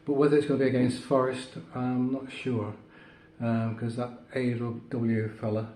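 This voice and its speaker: A man co-hosts a casual football prediction chat, speaking in a measured, thoughtful way with fillers. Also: mid-range voice, flat delivery, warm tone. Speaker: co-host. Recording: echoey room, faint noise.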